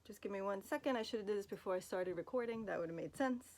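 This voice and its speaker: A quick-paced, mid-range voice with a slightly mellow quality, she speaks in a Brooklyn, New York accent. Answering fan questions from bed on a phone recording, she's casual and rambling, self-deprecating, constantly slipping in fillers and asides.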